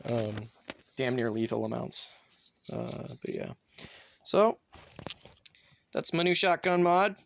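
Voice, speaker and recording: A man's voice: medium pitch, lively intonation, slow pace, gravelly, pauses often, a little hiss or hum. A man vlogging casually at home, rambling in an offhand way and swearing freely. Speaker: gun vlogger. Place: indoors at home, near a bed.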